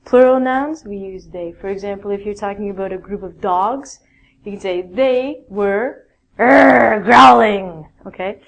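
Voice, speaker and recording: A woman's voice: mid-range voice, fairly even intonation, fairly quick, darkish tone. A woman teaching a basic English grammar lesson, patiently explaining rules and reading out example sentences.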